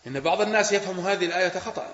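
A man teaching a religious creed lesson, emphatic and fast with quick asides. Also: high-pitched, fairly bright tone. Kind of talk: religious lesson with student questions. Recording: echoey hall, muffled, light hiss.

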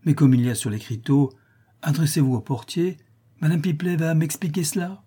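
A man's voice: fairly high pitch, steady tone, brisk, dark tone, husky, pitched above the performer's own voice. A man voicing a curious, gossiping older woman who exclaims. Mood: nosy.

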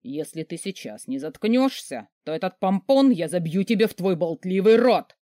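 A woman voicing a hulking, short-tempered rich man who yells, snarls and mocks. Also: low voice, a little fast, no room sound, clean studio sound, lightly acted. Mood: raging. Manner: yelling, sarcastic, snarling. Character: furious rich man, a hulking grumpy boss.

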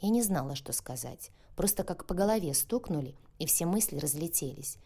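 Woman reading an audiobook, first person, soft warm low voice, steady pace. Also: normal speed. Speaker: audiobook narrator.

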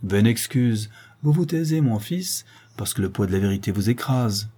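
A man's voice: fairly low pitch, lively intonation, normal speed, warm tone, slightly rough. A man reading an audiobook, voicing a proud, desperate noblewoman who pleads with her son in an impassioned, declamatory way. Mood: indignant.

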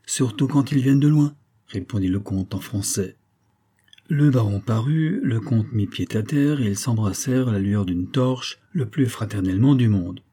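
A man narrating a classic novella as an audiobook, measured and dramatic. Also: fairly low pitch, dark tone, breathy edge.

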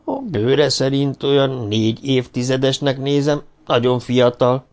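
A man's voice: medium pitch, a little mellow, pitched above the performer's own voice, close to an everyday voice. A man playing a deferential old assistant. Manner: deferential, explaining. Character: loyal, aging male assistant, deferential.

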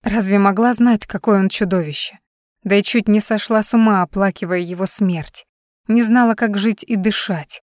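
A woman's voice: mid-range voice, fairly even intonation, normal speed, darkish tone, dry recording, clean studio sound, close to an everyday voice. A woman reading the part of a tearful young woman worn out by lies in an audiobook. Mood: distraught. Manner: emotional, pleading.

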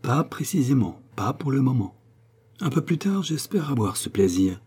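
A man's voice: medium pitch, sing-song, moderate pace, darkish tone, breathy edge. Man playing a curt, stiff English captain. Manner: curt, formal replies.

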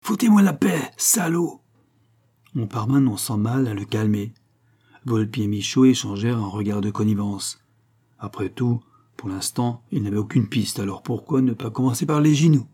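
A man narrates a crime novel in a low, husky voice. His tone is dark and mellow. The reading is measured and even. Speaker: audiobook narrator.

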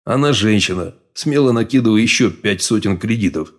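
Brief: growling mutant sage, low, calm, read by a man. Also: natural voice. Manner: calm, unhurried. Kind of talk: audiobook character voice.

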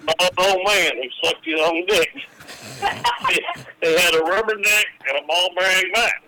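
A man's voice: high-pitched, animated, moderate pace, vocal fry, bright, forceful tone, a little hiss or hum, low-quality recording. An older man, heard through a phone speaker as a caller, joking folksily and reciting bawdy rhymes. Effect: heard over a phone speaker. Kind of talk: casual phone chat, singing bawdy rhymes.

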